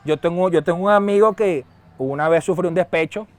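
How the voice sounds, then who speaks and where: A middle-aged male pastor with a Venezuelan Spanish accent, preaching a sermon in an animated storytelling manner. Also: high voice, a little fast. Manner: storytelling, animated, shouts when acting out a scene.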